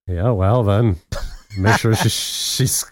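A man's voice: fairly low pitch, slow. A man co-hosting a podcast in casual chat, playful and rambling, often laughing. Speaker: podcast co-host.

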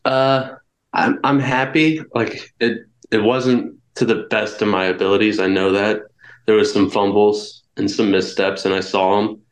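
A man's voice: lowish voice, steady tone, measured pace. Young man guest, roomy echo. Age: young adult. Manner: candid storytelling with many restarts. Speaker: guest wrestler. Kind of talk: casual interview. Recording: echoey room.

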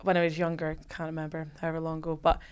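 Smooth-voiced young woman, enthusiastic. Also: low voice, monotone, rapid-fire. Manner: enthusiastic, lots of 'like' and 'you know'. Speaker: rugby development officer. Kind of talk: casual chat.

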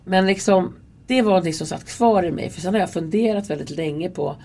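Her pitch is fairly low and her tone dark. This subway security worker, interviewed as a guest, shares stories in a relaxed conversational style, candid and earnest, performing the dialogue she quotes.

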